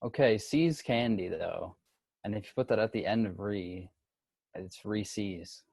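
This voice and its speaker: A man's voice: fairly low pitch, unhurried, gravelly, a little mellow, slightly rough, dry recording. A man with a Minnesotan accent telling stories in a laid-back, slangy way on a casual podcast.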